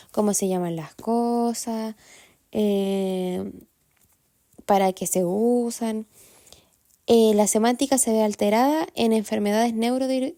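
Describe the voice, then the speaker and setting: A Chilean woman runs through her study terms one by one, giving each a short definition and then an example. Her voice is mellow and a little high. The recording is dry, with no room echo. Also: creaky. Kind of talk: reviewing study material.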